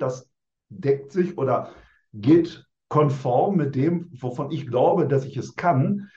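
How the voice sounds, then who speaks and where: Man in his sixties, formal and measured. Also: medium pitch, warm tone, echoey room, lo-fi sound. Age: 60s. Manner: measured, structured, formal wording. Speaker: interviewee. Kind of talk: reflective interview answers.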